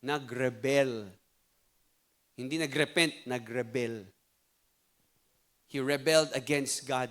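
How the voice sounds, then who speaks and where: A man with a Filipino accent preaching a sermon as pastor, mixing Tagalog and English in an animated, conversational way. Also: medium pitch, slow pace, pauses often.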